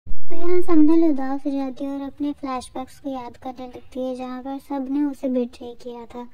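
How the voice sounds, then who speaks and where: A woman with a high, mellow voice retells a drama's plot scene by scene. She keeps it chatty and informal, slipping English words in as she goes. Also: steady tone, moderate pace. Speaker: drama recap narrator. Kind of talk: casual storytelling recap.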